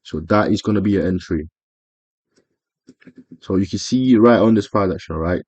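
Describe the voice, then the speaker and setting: Deep-voiced man rambling through a trading lesson. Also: normal speed, darkish tone, no echo, lo-fi sound. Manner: rambling, frequent fillers and self-corrections. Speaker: trading educator. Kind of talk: casual screen-recorded tutorial.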